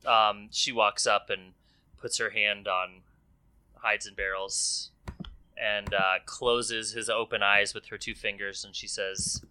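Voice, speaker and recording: A male game master narrates a tabletop game in an unhurried, loose way and often stops with an um. His voice is bright and clear. The pace stays slow throughout. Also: lowish voice, little pitch movement. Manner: loose, hesitant narration full of ums.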